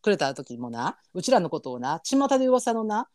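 A woman's voice: on the low side, sing-song, moderate pace, a little mellow, no room sound, clean studio sound. A woman with a Kansai accent telling stories and chatting casually as a podcast co-host. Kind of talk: casual chat, storytelling.

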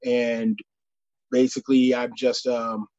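A sports referee from the United States in his late thirties chats casually as a podcast interview guest, halting and often repeating words and phrases. His medium-pitched voice is monotone and a little mellow, recorded lo-fi with no echo.

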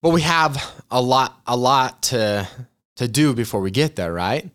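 A man's voice: medium pitch, lively intonation, measured pace, fairly bright tone, clean tone. A man in his twenties hosting a podcast, talking casually and earnestly to his listeners about goals and chatting to them like friends. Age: 20s. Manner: earnest, chatty, addresses listeners as "you guys". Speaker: podcast host. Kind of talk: casual motivational talk.

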